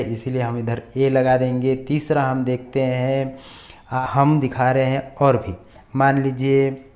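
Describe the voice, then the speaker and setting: A man teaching a grammar lesson, spelling out and repeating each word slowly as he writes examples. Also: medium pitch, a little mellow. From India. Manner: repeats words slowly while writing examples. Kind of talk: slow classroom grammar lesson.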